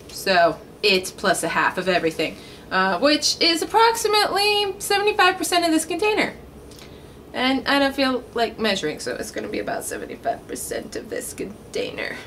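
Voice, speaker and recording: A woman's voice: high-pitched, huge pitch swings, moderate pace, a bit bright, a little hiss or hum. A young woman hosting a casual cooking vlog from her home kitchen, chatty and full of puns, talking straight to the camera. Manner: jokey, punny, chatty.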